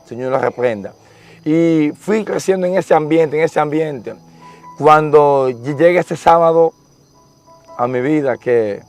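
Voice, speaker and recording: A man's voice: mid-range voice, darkish tone. A young man tells his conversion story in an earnest, repetitive, emotional manner during an interview. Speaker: interviewee giving testimony. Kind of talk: religious testimony, casual storytelling.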